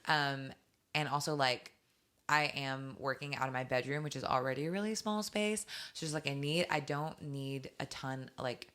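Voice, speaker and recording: A young woman with a remarkably deep voice talks casually as a podcast guest. She is from West Tennessee and tells her stories in an animated way, full of "like" fillers. Her voice is recorded close on a studio condenser mic in a small bedroom studio. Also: moderate pace. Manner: chatty, fillers like "like", animated storytelling. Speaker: singer-songwriter guest.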